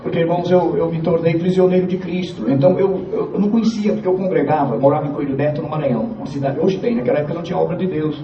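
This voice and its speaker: A man from Piauí, giving a church testimony to the congregation in an earnest, halting way and repeating his phrases. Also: a little high, a crowd in the background. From Piauí, Brazil. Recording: echoey, distant, dull church recording.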